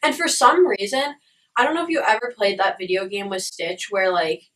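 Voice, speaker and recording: Bright-voiced young woman, puzzled dream recounting. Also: mid-range voice, moderate pace, distant mic, soft background music, rough recording. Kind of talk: casual storytelling to camera.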